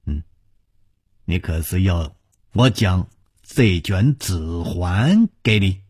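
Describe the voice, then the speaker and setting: A man's voice: sits low, lively intonation, takes it slowly, a little mellow, husky, heavily acted. A male storyteller voicing a cunning, sneering old male villain who laughs sinisterly.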